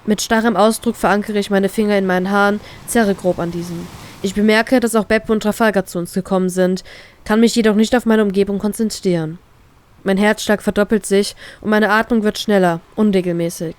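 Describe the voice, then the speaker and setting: Woman narrator, measured first-person fanfic reading, middling pitch. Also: steady tone, a little mellow. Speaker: fan fiction reader.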